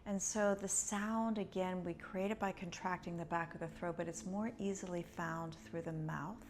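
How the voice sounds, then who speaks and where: Low-pitched woman teaching breathing, noisy background. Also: steady tone, moderate pace. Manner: conversational, explanatory, guiding step by step. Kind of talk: instructional breathing lesson, guiding along.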